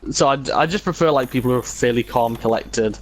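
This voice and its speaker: A man's voice: mid-range voice, brisk, rough recording. A man chatting casually and rambling as he plays a video game, swearing freely and slipping into mock imitations of others. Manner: sweary, frequently mimics others mockingly. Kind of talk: casual rambling chat while gaming. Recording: music behind the voice. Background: music.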